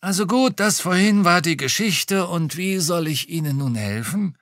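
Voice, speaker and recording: A man's voice: sits high, expressive, normal speed, fairly bright tone, no echo, studio quality, voice pushed up. A man doing an eager old retired cop. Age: older. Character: eager old retired male policeman, boastful.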